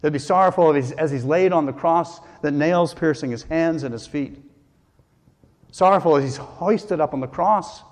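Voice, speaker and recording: A man preaching an earnest, emphatic sermon as pastor, with dramatic pauses. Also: on the high side. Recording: long hall reverb.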